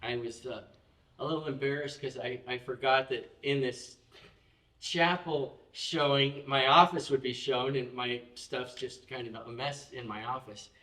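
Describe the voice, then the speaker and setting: A man's voice: medium pitch, fairly even intonation, a little slow, sharp tone, echoey room, far from the mic. A man preaching a conversational sermon as pastor, acting out quoted prayers and laughing at himself now and then. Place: church chapel.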